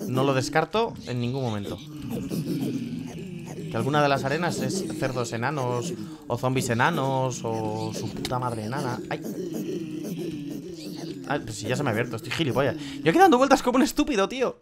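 A man's voice: medium pitch, moderate pace, pauses often, over loud music. Spanish man swearing through gameplay. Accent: Spain Spanish. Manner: swears often, cries out in sudden yelps. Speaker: gaming youtuber. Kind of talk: casual gameplay commentary.

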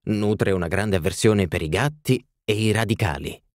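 A man's voice: fairly low pitch, dry recording, clean studio sound, lightly acted. A man doing a ceremonious little palmist. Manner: measured, ceremonious pronouncements. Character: fussy little male palm reader, ceremonious and smooth. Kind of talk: audiobook reading.

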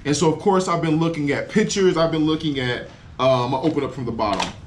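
A man's voice: on the high side, brisk, a little hiss or hum. A man in his forties talking casually to camera in an outdoor unboxing vlog, enthusiastic and exclaiming over each part. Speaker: cycling vlogger. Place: outdoors against a building wall.

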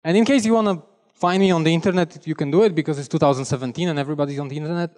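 On a large conference hall stage, a young Polish man wearing a headset mic gives a chatty, self-deprecating technical talk in a Polish accent. His voice is a little high and slightly mellow, he speaks rapid-fire, and the audio has a big-room sound.

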